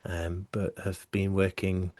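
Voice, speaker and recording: Earnest low-voiced man on a podcast. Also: level tone, takes it slowly, dry recording, studio quality. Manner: warm, earnest, gently teasing. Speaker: podcast co-host. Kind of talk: casual podcast chat and scripted intro.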